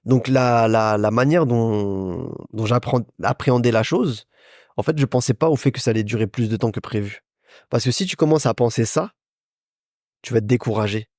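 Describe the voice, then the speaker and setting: In a dry, clean studio recording, a young male podcast host gives casual business advice at a normal pace. His mid-range voice has a darkish tone, and he talks chattily to the listener, full of repetition and restarts.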